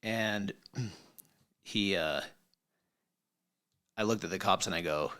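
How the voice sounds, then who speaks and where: A middle-aged man co-hosting a podcast, telling a story in casual chat, animated and laughing as he acts out quotes. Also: on the low side, takes it slowly, clean tone, no echo, studio quality. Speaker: podcast co-host.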